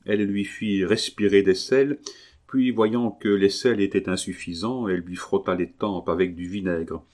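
A man with a low voice reads a classic novel aloud, steady and expressive. His narration moves evenly through the scenes, carrying the drama without hurry. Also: normal speed. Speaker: audiobook narrator. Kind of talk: literary audiobook narration.

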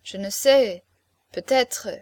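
A woman's voice: on the high side, slow pace, a little mellow, dry recording. Woman doing grave sorrowful man, subdued murmur, hesitant, dry close recording. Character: grave middle-aged man, reserved, sorrowful guardian.

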